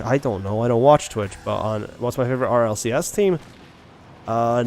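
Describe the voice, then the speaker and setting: A young Irish man chats casually with viewers on a game stream, rambling and thinking aloud with plenty of restarts and questions. His voice is mid-range with a darkish tone, and faint beats play in the background.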